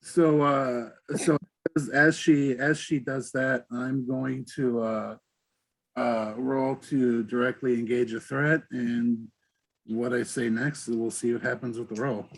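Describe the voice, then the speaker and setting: A man's voice: medium pitch, steady tone, slow. A man taking his turn as a player in a tabletop game, rambling and restarting as he explains his move. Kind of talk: casual tabletop role-play.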